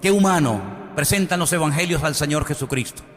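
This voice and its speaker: Preaching man in a reverberant hall. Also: brisk. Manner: dramatic preaching with sudden swings in pitch and loudness. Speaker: pastor. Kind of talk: sermon.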